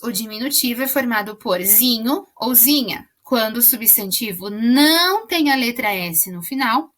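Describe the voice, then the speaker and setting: A woman teacher explains spelling rules to children in a patient, clear way. Her voice sits a little high, and she slows down to spell out the example words. She keeps checking that the class is following along. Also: a bit bright. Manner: patient, explaining, checks understanding with tag questions.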